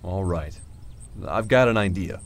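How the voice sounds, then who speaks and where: A man playing a calm, decisive space-adventure hero and storyteller in an audio drama, measured and matter-of-fact. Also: low voice. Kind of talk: scripted narration and audio drama acting.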